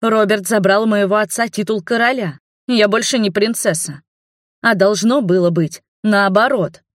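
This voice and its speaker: A woman's voice: medium pitch, moderate pace, no room sound, clean studio sound, pitched above the performer's own voice, close to an everyday voice. A woman voicing a spoiled young princess who is furious and demanding, speaking in a raised, indignant voice. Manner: indignant, shouting.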